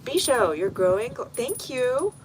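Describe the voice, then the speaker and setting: A woman's voice: fairly high pitch, sing-song, unhurried, a little hiss or hum, poor audio. A woman from Texas hosting a casual garden livestream outdoors, chatting and answering viewer comments one by one with fillers. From Texas, United States.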